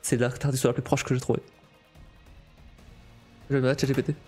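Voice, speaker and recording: Mellow-voiced man chatting on a stream. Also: mid-range voice, flat delivery, faint music behind. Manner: chatty, halting, many restarts and laughs. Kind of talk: casual live-stream chat.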